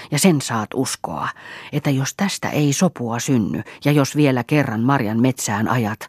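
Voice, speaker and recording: Worn-out grown son fed up with his mother, a lady reader doing him, husky dry voice. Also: a bass voice, a little mellow, dry recording, full character voice. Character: weary, exasperated grown son, a husband.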